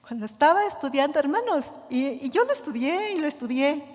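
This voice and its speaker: A woman's voice: high-pitched, very animated, a little fast, a little mellow. A middle-aged woman sharing an earnest devotional testimony and prayer in church, speaking to her fellow believers. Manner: earnest, addresses listeners as brothers and sisters. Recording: long hall reverb.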